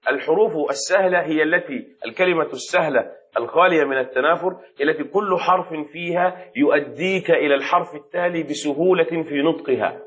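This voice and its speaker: A sheikh teaching a lesson, with a voice pitched a little high for a man. He explains patiently, repeats key words and keeps checking that the listener understands. The recording sounds dull and lo-fi. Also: a little fast, fairly bright tone. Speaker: sheikh teaching Arabic rhetoric. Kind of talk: classroom lesson.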